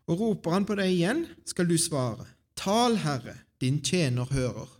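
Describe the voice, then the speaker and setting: A man reading the lines of the old, half-blind priest Eli in a calm, fatherly way. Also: on the high side.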